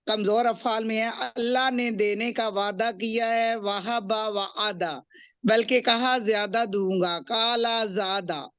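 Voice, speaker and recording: A woman student reciting a memorized lesson in a brisk sing-song way. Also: on the high side, steady tone, a bit bright, no echo, lo-fi sound.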